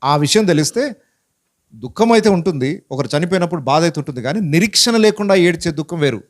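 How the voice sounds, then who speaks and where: A pastor preaching a Bible-teaching sermon in a conversational way, asking many rhetorical questions and mixing in English words. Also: male voice, fairly high pitch, lively intonation, fast talker. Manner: mixes English words into his speech.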